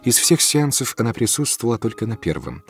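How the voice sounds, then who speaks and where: A man narrating a story in a calm, measured audiobook reading. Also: mid-range voice, soft background music. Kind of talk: scripted first-person narration.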